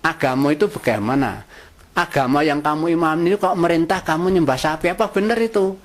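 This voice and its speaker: Man, Quran lesson, recites Arabic then explains, rhetorical questions, somewhat high voice. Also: brisk. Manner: recites Arabic verses, then explains them in plain words. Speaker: Quran teacher.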